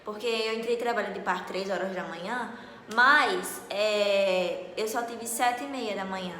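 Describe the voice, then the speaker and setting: A young woman, casually telling a story to camera in an animated, dramatic way. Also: mid-range voice, measured pace, slight background noise. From Northeast Brazil. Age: late teens. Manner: animated, dramatic, acts out dialogue loudly. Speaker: vlogger. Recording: echoey room with long reverb.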